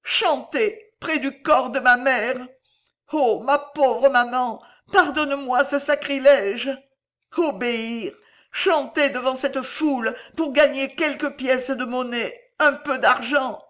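A woman's voice: high-pitched, takes it slowly, a bit bright, voice pushed up. A woman voicing a desperate young girl singer who pleads and sobs in a strained, tearful voice.

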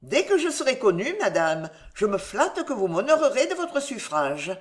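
A woman's voice: a little high, very animated, moderate pace. Lady reading as a hot-headed gallant suitor, all drama and pleading, voice swoops up and down. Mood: fawning. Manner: theatrical, impassioned, pleading. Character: excitable fawning young gentleman suitor.

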